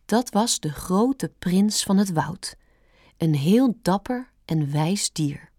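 Slow, gentle woman reading a storybook. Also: fairly low pitch, dry recording, studio quality. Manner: calm, gentle and expressive. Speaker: narrator.

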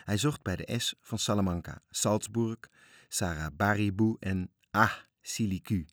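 A man reading a children's story aloud, telling it in a lively way. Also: lowish voice, unhurried, dry recording, studio quality. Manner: lively, animated storytelling with voices. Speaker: narrator.

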